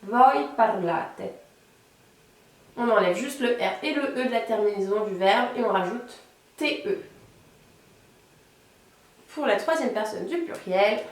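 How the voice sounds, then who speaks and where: A woman's voice: a little high, distant mic, a little hiss or hum. Patient woman teaching in an echoey room. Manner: patient explaining, slows down to model Italian words. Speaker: Italian teacher. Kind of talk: online language lesson.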